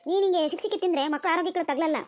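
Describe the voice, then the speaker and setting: A woman's voice: very high voice, racing. A woman voicing a fussy, preachy neighbor mother in a cartoon, gossipy and lecturing.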